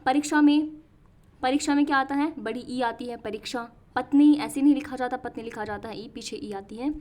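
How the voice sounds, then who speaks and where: High-voiced woman teaching Hindi spelling. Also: fairly quick, darkish tone. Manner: repetitive questioning, answers her own questions. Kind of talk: exam-prep spelling lesson.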